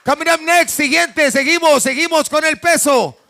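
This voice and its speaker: A man's voice: extremely high pitch, brisk, pushed and bright. A man hosting a boxing weigh-in as a bilingual hype announcer, repeating catchphrases and drawing out his calls. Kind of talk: hype boxing announcing switching between Spanish and English.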